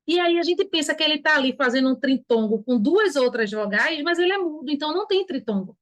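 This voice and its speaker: A woman's voice: high voice, animated, fast talker. A Brazilian woman teaching an online Portuguese lesson, who breaks words into syllables and keeps checking in with her students. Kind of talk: online exam-prep lesson.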